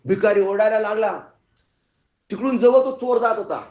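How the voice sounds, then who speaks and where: Animated male spiritual teacher, echoey. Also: high-pitched, moderate pace. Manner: animated storyteller, asks the audience questions. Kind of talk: sermon with storytelling. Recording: echoey room, muffled sound.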